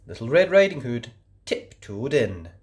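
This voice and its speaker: A storyteller host reads a children's story aloud in a low, gentle voice at a measured pace, lingering on each phrase. Her pitch rises and falls widely to keep young listeners hooked, and the telling has a warm, expressive rhythm.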